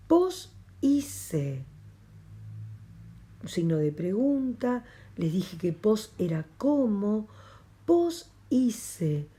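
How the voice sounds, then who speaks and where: Argentine woman teaching a language lesson, slow and patient, dark husky voice, lively pitch. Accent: Argentine Spanish. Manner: patient, repeats phrases slowly for students.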